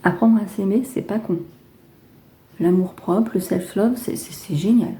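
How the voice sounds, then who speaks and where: Dark-toned chatty French woman reading tarot. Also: medium pitch, measured pace. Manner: chatty, hesitant with many fillers and restarts; gentle, reassuring advice. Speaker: tarot card reader. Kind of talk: casual spoken tarot reading.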